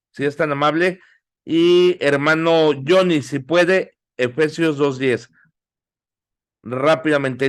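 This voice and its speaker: Exhorting middle-aged male Bible teacher. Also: on the high side. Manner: exhorting, asks the audience questions. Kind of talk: sermon-style Bible class.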